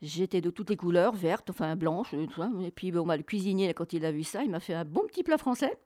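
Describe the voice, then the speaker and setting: A woman speaking as a radio guest, telling a travel story in a lively, expressive way. She often laughs and swings between hushed, reflective moments and loud, excited ones. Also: on the low side, a little fast, dry recording, clean studio sound.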